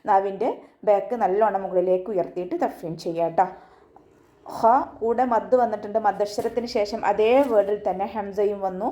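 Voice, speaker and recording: A woman leads an online tajweed lesson in a warm, mellow voice. She explains each rule patiently and step by step, often closing with a soft tag word, then chants the verse words slowly and high. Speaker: Quran recitation teacher.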